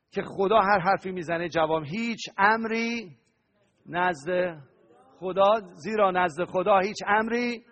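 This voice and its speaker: A male pastor preaching an animated sermon to a live congregation, often asking them questions and having them answer back. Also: high voice. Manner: animated preaching with call-and-response questions to the audience.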